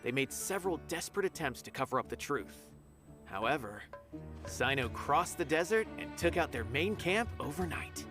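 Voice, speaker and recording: In a game, an actor voices a friendly, dutiful young academy officer who reports news in an earnest, polite way. His fairly high voice is animated but close to everyday speech, at a moderate pace. Loud music plays behind the game audio.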